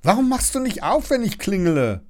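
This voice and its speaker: A man voicing a lively, bossy young girl in a storybook reading. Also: medium pitch, moderate pace, pitched above the performer's own voice, close to an everyday voice. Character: spirited young girl, quick-tempered but fond.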